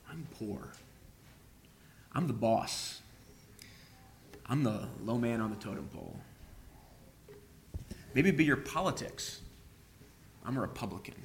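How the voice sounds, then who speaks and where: A man's voice: mid-range voice, a bit bright. A man preaching a sermon, speaking with frequent hesitations and fillers. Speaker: pastor.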